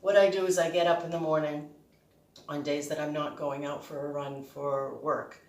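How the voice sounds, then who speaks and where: A woman's voice: deep voice, little pitch movement, normal speed, a little mellow. A woman with a Boston accent chats informally and ramblingly as she hosts a casual home cooking vlog. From Boston, United States. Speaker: home cook and video host. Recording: echoey room, distant microphone.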